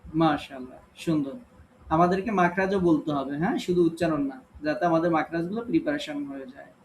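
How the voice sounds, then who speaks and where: A man with a Bangladeshi Bengali accent teaches Quran recitation in an online class, calling on students one at a time and patiently correcting their reading. His voice is a little high and he talks fast, with slight background noise.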